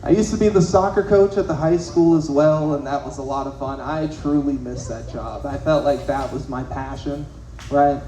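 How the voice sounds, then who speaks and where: A man's voice: a little high, fairly even intonation, normal speed, warm tone, a little hiss or hum. A young man doing a loose, profane stand-up comedy set on a club stage. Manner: loose, profane, conversational storytelling. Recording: echoey club room, faint ambience.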